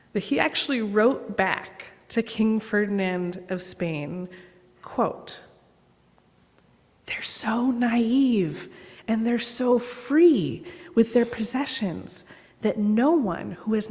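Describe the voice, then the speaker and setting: Woman, guest preacher, sermon, lively storyteller, long church reverb. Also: mid-range voice. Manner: animated storyteller, acts out dialogue. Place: church sanctuary.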